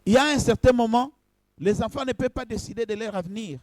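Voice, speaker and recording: High-voiced man preaching a sermon. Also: darkish tone, no room sound. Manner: preaching with short phrases and pauses; addresses the congregation directly. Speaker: pastor.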